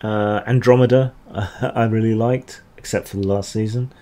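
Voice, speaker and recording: A man's voice: lowish voice, steady tone, moderate pace, dark tone. A man answering chat questions on a casual livestream, rambling and hesitant with dry asides.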